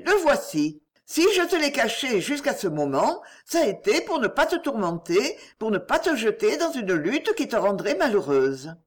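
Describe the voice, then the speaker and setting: A woman's voice: on the high side, sing-song, normal speed, few pauses. A woman doing an earnest girl of fifteen.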